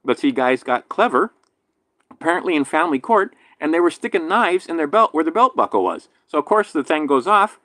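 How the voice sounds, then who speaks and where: A man from Hawaii with a slight lisp from a damaged tooth, rambling through a casual monologue, swinging between loud emphatic bursts and low mutters. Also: big pitch swings, fairly quick, dry recording. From island in Hawaii. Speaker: vlogger.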